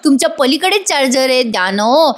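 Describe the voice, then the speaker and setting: A woman voicing a lazy, teasing young male architect in a spoken serial recap, slow and pleading. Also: high voice, lively intonation. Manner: pleading, drawn-out calls for attention.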